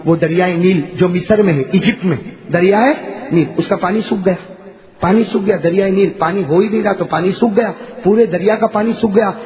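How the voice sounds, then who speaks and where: A man preaching a sermon. He moves from low storytelling to loud, shouted peaks, calls on the crowd to answer, and chants verses slowly. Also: poor audio.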